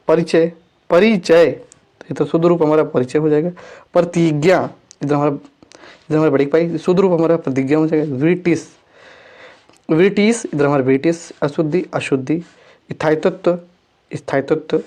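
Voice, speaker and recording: A man teaching a spelling lesson in a voice pitched a little above the usual. He reads each word slowly and says it twice. He corrects his own slips as he works through the list. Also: fairly even intonation, darkish tone. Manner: repeats each word twice, slow and deliberate, self-correcting. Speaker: Hindi grammar teacher. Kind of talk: exam-prep lesson, reading word lists.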